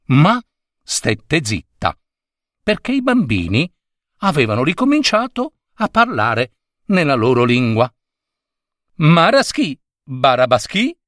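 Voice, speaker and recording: A man narrating a children's story in an expressive, unhurried way. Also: mid-range voice, no room sound, studio quality. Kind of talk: storybook reading.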